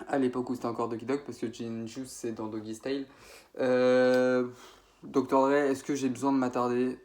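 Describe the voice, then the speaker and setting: A man's voice: mid-range voice, level tone, normal speed, darkish tone. A young man from France, casually ranking his favorite rap producers, rambling with many fillers and self-corrections. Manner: slangy, informal French. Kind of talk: casual spoken ranking video.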